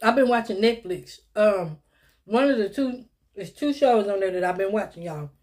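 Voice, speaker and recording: A woman's voice: medium pitch, expressive, moderate pace, a little mellow. Lady in her 50s doing a mukbang, chatty, talks to viewers like family while she eats. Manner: chatty, addresses viewers as y'all and little sis, eats between phrases. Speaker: mukbang vlogger. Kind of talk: casual eating vlog chat.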